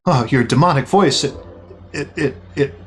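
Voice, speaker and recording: A man playing an excitable, greedy Old West gold seeker, theatrical and stammering, in an improvised Western comedy. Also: fairly high pitch, moderate pace, soft background music, natural voice. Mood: awed, pleading.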